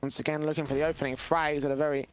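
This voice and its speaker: A man calls a live esports match play by play, his fairly high voice racing through the action and climbing into excited shouts as the big plays land. A steady hiss of noise sits beneath him. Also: rapid-fire. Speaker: esports caster. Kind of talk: play-by-play commentary.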